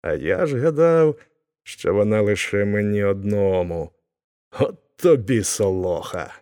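A man's voice: lowish voice, animated, a little slow, warm tone, clean tone. A man voicing a bewildered middle-aged village Cossack who exclaims and grumbles in a raised voice. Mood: flustered. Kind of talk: audiobook character voice.

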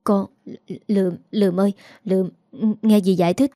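Woman doing gentle middle-aged aunt, Southern Vietnamese accent, stammering, mellow, dry close sound. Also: medium pitch, steady tone, normal speed, no room sound, lightly acted. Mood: flustered. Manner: tender, flustered, stammering when pressed.

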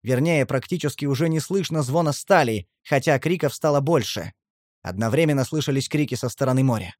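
A man's voice: medium pitch, fairly quick, darkish tone, no room sound, studio quality. A man giving a tense, driven first-person audiobook narration.

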